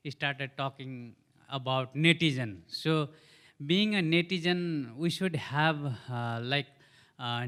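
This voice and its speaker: A man's voice: fairly high pitch, fairly bright tone, clean tone. A man from Nepal asks the panel an earnest question, using many fillers. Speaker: audience member asking a question.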